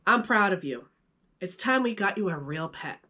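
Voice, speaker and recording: A woman voicing a kindly, goofy cartoon dog father with a folksy, soft-hearted manner in a storybook reading. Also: mid-range voice, animated, normal speed. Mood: reassuring.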